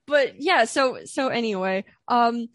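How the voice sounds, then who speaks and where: A woman's voice: on the high side, slow pace, fairly bright tone, no room sound, studio quality. A young woman hosting a podcast, chatty and a bit nervous, with lots of fillers and restarts. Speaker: podcast host. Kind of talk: casual interview.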